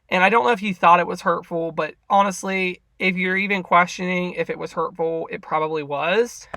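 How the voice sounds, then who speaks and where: A woman's voice: on the low side, gravelly, fairly bright tone, no echo. A young adult woman talking casually and chattily as she explains things for a vlog, plain-spoken, recorded inside a car. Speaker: couponing video host. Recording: muffled, close dry car interior.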